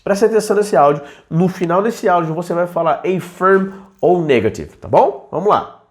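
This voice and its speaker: A man teaching aviation English in a chatty video lesson, reading English examples slowly. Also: high-pitched, expressive.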